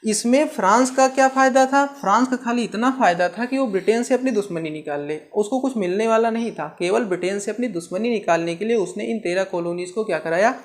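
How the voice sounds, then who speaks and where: Speaking quickly at a medium pitch and barely pausing, a teacher runs through an exam-prep history lesson. She poses questions and answers them herself, explains key terms with homely comparisons, and keeps checking in with a repeated "theek hai."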